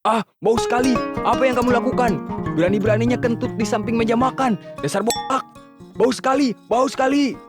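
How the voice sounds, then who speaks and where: A man's voice: fairly high pitch, lively intonation, fairly quick, music in the background, natural voice. A man voicing a spiteful old male martial arts master who throws taunting insults in a storybook reading. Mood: shrieking.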